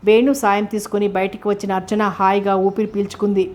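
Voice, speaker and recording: A woman narrates a novel for an audiobook, reading steadily and measuredly in a medium-pitched voice.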